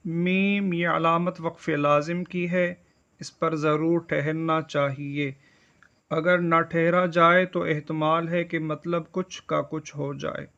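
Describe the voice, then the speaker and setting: A man gives a religious lesson, explaining each point in a measured, deliberate way. His voice is bright and gravelly. The recording sounds dull and lo-fi. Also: fairly high pitch, steady tone. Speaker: Islamic studies teacher.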